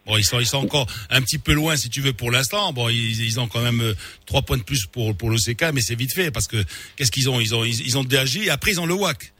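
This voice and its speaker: Coanimateur sport, homme à la voix claire et tendue, studio sec, ton vif et familier. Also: male voice, mid-range voice, fast talker, sharp tone, no echo. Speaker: radio sports co-host. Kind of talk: radio sports chat.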